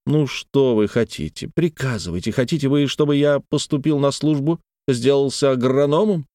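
A man reading the part of a playful, talkative young nobleman in love, with a raised, animated and teasing delivery. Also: medium pitch, normal speed, no room sound, clean studio sound, voice pushed up, close to an everyday voice. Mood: playful, ardent.

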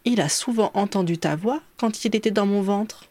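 A woman reading an audiobook, voicing a drowsy young mother who speaks gently. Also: mid-range voice, normal speed, dry recording, close to an everyday voice. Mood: sleepy.

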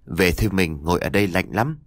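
A man voicing a heartbroken village father who speaks softly and lowly to comfort his wife, for an audiobook. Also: lively intonation, fast talker, creaky, no echo, studio quality. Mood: sorrowful. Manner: low, soft and subdued. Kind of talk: audiobook character voice.

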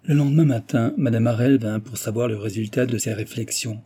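A man narrating a classic novel as an audiobook in a steady, even storytelling manner, with a husky voice. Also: medium pitch, a little fast. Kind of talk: scripted literary narration.

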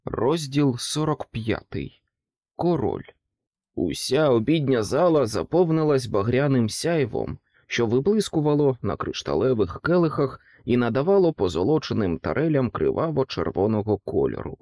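Expressive male audiobook narrator. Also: medium pitch, moderate pace, dry recording, studio quality. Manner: expressive storytelling.

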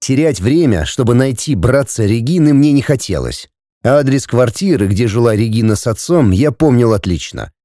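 Dark, dry male audiobook narrator. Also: mid-range voice, lively intonation, moderate pace, no echo. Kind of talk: first-person audiobook narration.

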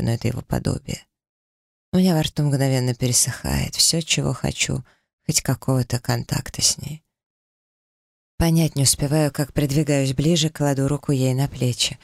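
Male audiobook narrator, gravelly and intense, dry close read. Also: mid-range voice, no room sound. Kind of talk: first-person audiobook narration.

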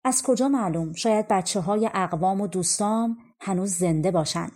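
A woman's voice: mid-range voice, darkish tone, close to an everyday voice. A woman voicing an earnest, homesick young man in a storybook reading. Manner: earnest and eager.

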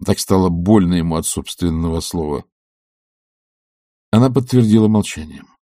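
Dark-voiced male audiobook narrator. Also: sits low, expressive, moderate pace, no room sound, clean studio sound.

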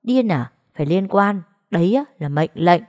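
A woman's voice: lowish voice, animated, normal speed, a little mellow, lightly acted. Woman doing a cheeky, chirpy young woman. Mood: teasing. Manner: bold, jokey, chirpy. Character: cheeky carefree young woman, teasing and playful.

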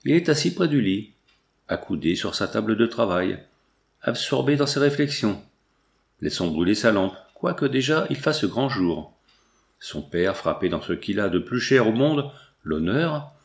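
A man narrating a classic novel aloud in an even, deliberate storytelling manner. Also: medium pitch, gravelly. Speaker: audiobook narrator. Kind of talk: reading a 19th-century novel aloud. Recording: roomy echo.

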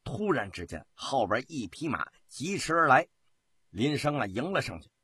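A man's voice: mid-range voice, very animated, moderate pace, bright, forceful tone, husky, dry recording. A man telling a historical tale in traditional Chinese storytelling style, with dramatic, rhythmic delivery.

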